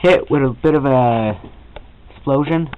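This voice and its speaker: A man's voice: medium pitch, unhurried, clean tone, narrow, tinny audio. A young man making wisecracks and commentary among friends in a basement. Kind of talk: casual joking among friends.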